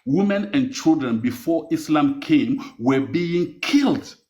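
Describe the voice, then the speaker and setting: A man's voice: a little high, animated, a little slow, a little mellow, roomy sound. A man from Africa, calling into a heated live debate, earnest and pressing to finish his point. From West Africa. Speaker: caller.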